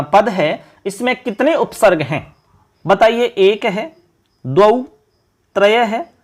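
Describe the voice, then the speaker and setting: A man teaching an online Sanskrit exam-prep lesson, quizzing viewers as friends and repeating each point. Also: sits high. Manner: repetitive explaining, Hindi mixed with English terms.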